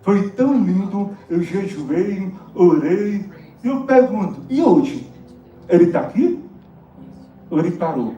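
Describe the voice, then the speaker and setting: A Brazilian pastor preaches a testimony sermon with a raised yet dark, mellow voice, pressing his congregation with direct questions. He is picked up from a distance in a roomy church hall, through a dull mic with faint music behind him. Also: high-pitched, lively intonation, slow, a little hiss or hum. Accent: Brazilian Portuguese. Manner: emphatic, prompts the congregation with questions.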